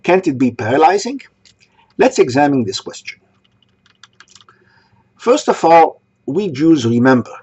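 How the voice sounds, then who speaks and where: A man from Egypt delivering a sermon, posing rhetorical questions in a measured way. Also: fairly high pitch, very animated, a little mellow, slightly rough. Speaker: synagogue speaker. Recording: dull lo-fi recording.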